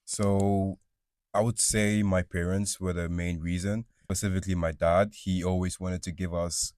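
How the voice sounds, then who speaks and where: A young man from Ghana, a panelist talking slowly and thoughtfully, often restarting his words. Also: sits low, little pitch movement, a little mellow, no echo, clean studio sound. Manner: slow, thoughtful and self-repairing. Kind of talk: casual panel talk.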